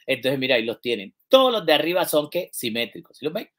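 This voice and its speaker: A man teaches an online class for teachers at a middle pitch. He walks through each example step by step, counts items out loud and often asks whether everyone is following. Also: big pitch swings, fast. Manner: explains step by step, counts items aloud, checks in with listeners. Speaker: teacher trainer.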